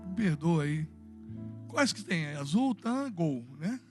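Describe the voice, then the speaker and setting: A Brazilian pastor with a high-pitched voice preaches in a church. He shifts between fervent exhortation and light, humorous stories from his own life, with soft music behind him. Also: big pitch swings, slow. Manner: fervent preaching mixed with humorous personal anecdotes. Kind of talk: sermon. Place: church, Sunday evening service.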